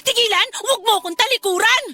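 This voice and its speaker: Jealous pregnant wife in a radio drama, voice way up high, bright and cutting, sharp accusing tone. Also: female voice, quick pace. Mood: hysterical. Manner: sharp, confrontational, spiralling into hysterical shouting.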